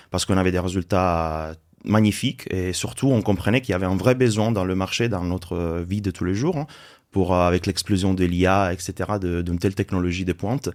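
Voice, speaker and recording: A man from Turin with an Italian accent, a native Italian speaker, explaining things calmly as a podcast guest with frequent hesitations. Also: low-pitched. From Italy, Turin. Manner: measured, explanatory, many hesitations. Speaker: startup founder, podcast guest. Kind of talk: casual interview.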